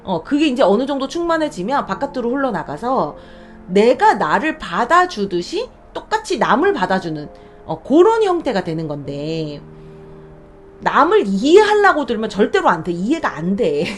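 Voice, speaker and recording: Woman, podcast testimony host: earnest, very lively pitch, soft music under. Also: moderate pace. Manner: earnest, animated, talks to listeners directly. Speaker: church deaconess, podcast host. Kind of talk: faith testimony talk.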